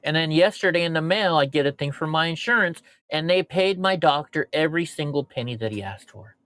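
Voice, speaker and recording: A man's voice: a little high, lively intonation, a little fast, a bit bright. An American man with missing front teeth venting bluntly and casually to his stream viewers, swearing as he rambles. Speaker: streamer, show host. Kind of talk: candid monologue to viewers, casual and profane.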